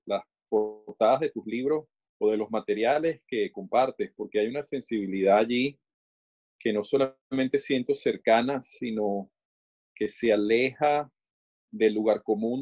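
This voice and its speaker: A man with a Venezuelan Caribbean Spanish accent in reflective conversation, pensive and pausing to search for his words. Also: mid-range voice, darkish tone, dull audio. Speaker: interview guest.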